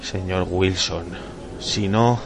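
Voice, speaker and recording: A man playing a stern airline pilot, firm and commanding, his voice raised above the reader's low register. A gravelly texture runs under every word, with faint music beneath the storybook reading. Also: fairly even intonation, takes it slowly. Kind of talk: audiobook character voicing.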